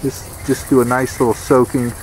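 A man's voice: medium pitch, flat delivery, normal speed, a little hiss or hum. A man giving a plain-spoken, folksy how-to demonstration outdoors, repeating his warnings. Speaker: DIY home repair instructor. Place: outdoors beside an air conditioner unit.

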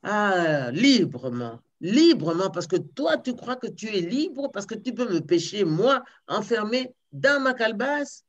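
A woman storyteller voicing a huge, thin, bad-tempered male giant who threatens and shouts. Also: lowish voice, expressive, unhurried, muffled recording. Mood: furious.

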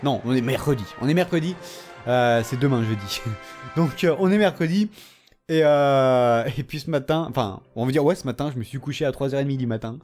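A tired man casually commenting on his own game, excitable and talking to himself and his opponent. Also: medium pitch, fairly quick, faint music behind. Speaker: gaming video host.

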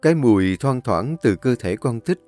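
A man narrating a novel as a storyteller, steady with a pace that changes often. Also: medium pitch, normal speed, soft background music.

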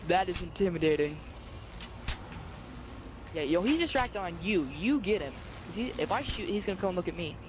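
A young man chatting casually while playing a video game with a friend, excitable and prone to yelping and repeating himself. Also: sits high, moderate pace, long pauses. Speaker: game player. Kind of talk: casual gaming chat. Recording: noisy background.

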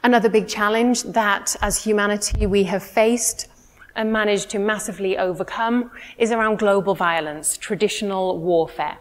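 A woman, giving a conference keynote in an earnest, steady lecturing manner with frequent ums. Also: mid-range voice, normal speed. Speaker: keynote speaker. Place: conference room, indoors.

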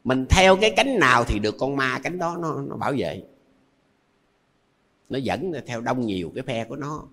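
A man's voice: mid-range voice, expressive, moderate pace, pushed and bright. Older monk in his 80s, Southern Vietnamese accent, homely sermon with plain examples and repeats. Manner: folksy, repetitive, explains with everyday examples. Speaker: Buddhist monk. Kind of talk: dharma talk to lay followers.

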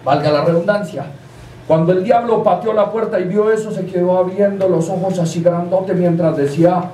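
A man with a Colombian accent telling a comic folk tale live on stage, animated and crude. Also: high-pitched, moderate pace, a little hiss or hum. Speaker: storyteller comedian. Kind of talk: live comedic storytelling. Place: live stage before an audience. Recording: roomy live room, distant mic, loud crowd.

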